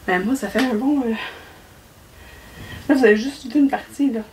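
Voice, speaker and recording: A Québécois woman from Quebec chats casually as a cross-stitch vlogger, rambling and laughing often. Her voice is a little high and slightly mellow, at a normal speed. She sits a bit far from the mic, with faint background noise.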